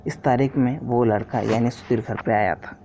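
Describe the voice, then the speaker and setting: A man narrating a first-person story in a steady, earnest scripted reading. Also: medium pitch, moderate pace. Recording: dull lo-fi recording, faint hiss.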